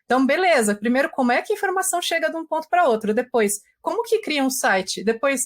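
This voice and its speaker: Slightly high-voiced woman recalling eagerly. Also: expressive, fast. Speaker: guest. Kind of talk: casual panel chat.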